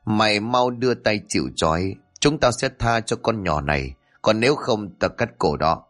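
Brutal gang boss as a male narrator plays him, cold, menacing, lowish voice, lively intonation. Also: moderate pace, soft background music.

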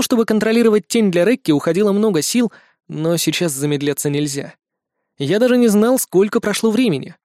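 A male audiobook narrator with a notably high voice, telling a first-person fantasy story at a steady, measured pace. The sound is dry and close, as from a studio booth. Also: dry recording.

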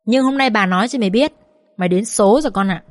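A woman voicing a furious, scheming middle-aged mother-in-law who scolds and curses in a shrill voice. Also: fast talker, no echo, clean studio sound, natural voice. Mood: scornful.

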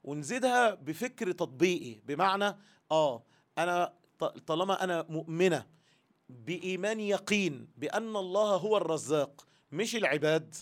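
A man's voice: high voice, animated, moderate pace. A man with an Egyptian Arabic accent giving an earnest religious lesson to women, often speaking their thoughts in the first person. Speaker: religious teacher.

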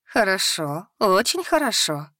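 A woman voicing a calm, experienced female magic teacher who speaks in a measured, matter-of-fact way. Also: mid-range voice, no echo, studio quality, full character voice.

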